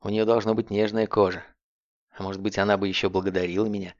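A man with a gravelly voice voicing a vicious, frantic male captive in an audiobook, jeering and breathless, in a dull lo-fi recording. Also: on the low side, brisk. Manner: jeering, breathless, rising to shrieks.

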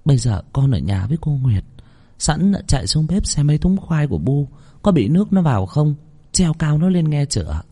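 A man voicing a poor village mother who is fretful and shrill, in a spoken horror story. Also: very animated, moderate pace, dark tone, slightly rough, exaggerated voice. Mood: bossy.

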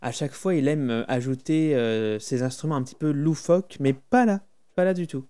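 A man's voice: medium pitch, fairly quick, mellow, clear, resonant tone. A man co-hosting a casual podcast about film music, talking with enthusiasm and humming tunes now and then. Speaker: podcast co-host.

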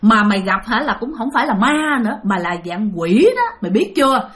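Stern old grandma, low scolding tone; a woman putting it on. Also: lively intonation, fairly quick, a bit bright.

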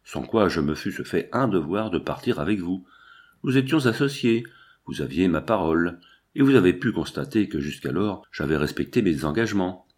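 A man reading a first-person novel aloud, with measured, coolly reasoning delivery. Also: sits low, animated, a little mellow, husky. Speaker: audiobook reader.

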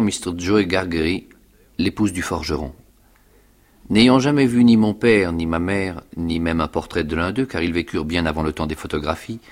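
A man giving a measured, expressive reading of a classic novel in the first person. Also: low voice. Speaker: reader. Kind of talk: dramatic literary reading.

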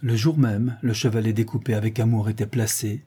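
A man reading a storybook aloud as a narrator, measured and expressive. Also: lowish voice, breathy edge. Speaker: audiobook narrator. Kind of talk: scripted narration.

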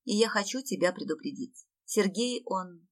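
A woman's voice: mid-range voice, expressive, normal speed, lightly acted. A woman reading an audiobook, voicing a timid young female student who grumbles and speaks hurriedly. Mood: grumbling.

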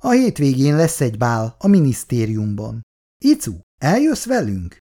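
A man reading aloud, voicing an eager young man who speaks loudly. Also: mid-range voice, huge pitch swings. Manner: eager, loud.

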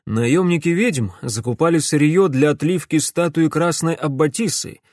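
A man's voice: on the high side, normal speed, darkish tone, no echo, clean studio sound, pitched above the performer's own voice, close to an everyday voice. A man voicing a determined male police chief laying out evidence in an audiobook. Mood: firm.

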